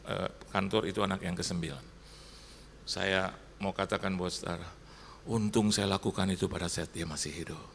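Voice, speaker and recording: Man, pastor, Easter sermon, animated storytelling, low pitch, gravelly. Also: a little hiss or hum. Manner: animated storyteller who acts out dialogue. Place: church service.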